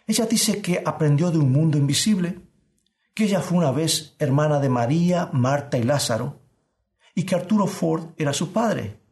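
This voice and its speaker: A man preaching a sermon, speaking earnestly to his listeners, asking them questions and reading scripture slowly and deliberately. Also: a little high, a little mellow.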